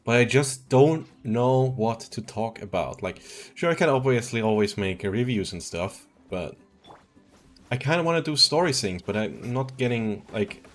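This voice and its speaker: A man's voice: mid-range voice, lively intonation, normal speed, soft background music. A man in his twenties from Switzerland, chatting casually and rambling through a game stream, chuckling now and then. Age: 20s. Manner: rambling, laid-back, chuckles often. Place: at home.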